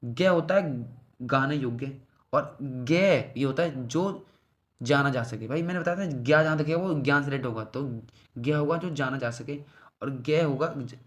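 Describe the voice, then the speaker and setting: A man's voice: mid-range voice, normal speed. Casual repeating tutor, man. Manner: repeats each word pair several times, checks in with "clear?"; calls the listener "bhai", speaks informally. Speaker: exam prep teacher. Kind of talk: casual revision lesson.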